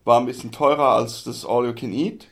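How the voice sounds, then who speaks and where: A man's voice: mid-range voice, fairly even intonation, a little fast. A man co-hosting a casual podcast chat, hesitant and given to sarcastic jokes. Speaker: podcast co-host.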